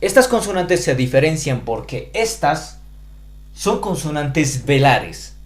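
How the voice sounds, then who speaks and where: A man's voice: a little high, very animated, takes it slowly. A man with a Bolivian Spanish accent giving a pronunciation lesson, carefully spelling out each sound. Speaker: language teacher.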